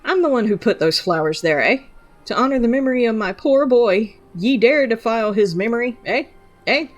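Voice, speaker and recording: A woman's voice: a little high, expressive, brisk, soft background music, voice pushed up, close to an everyday voice. A woman reading aloud as a grieving mother in a game, with old-fashioned speech full of "aye" and "ye". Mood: indignant.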